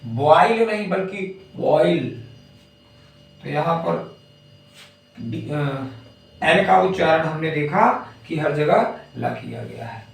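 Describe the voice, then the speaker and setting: A man's voice: fairly high pitch, takes it slowly, creaky. A man teaching English phonics, spelling out words letter by letter and then saying them. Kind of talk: phonics lesson. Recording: echoey room, distant mic.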